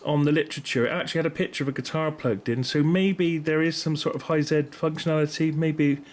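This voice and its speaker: This middle-aged British video host has a fairly high voice with fairly even intonation and talks fast. His gear review is relaxed and unscripted, rambling and unsure, often self-correcting. The recording clearly carries background noise and room ambience.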